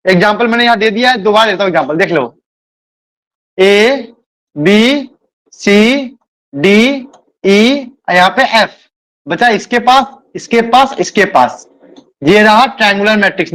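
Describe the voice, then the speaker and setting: A man with a rather high voice teaches a math class. He talks quickly by his own account, repeats key words and keeps addressing the students kindly. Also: lively intonation, fairly bright tone. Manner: admits speaking fast. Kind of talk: live online class lecture.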